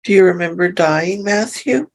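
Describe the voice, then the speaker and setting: A woman leading a hypnosis session, speaking softly and reassuringly as she gently asks questions. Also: lowish voice, expressive, poor audio. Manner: soft, slow and soothing, reassuring. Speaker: hypnosis practitioner.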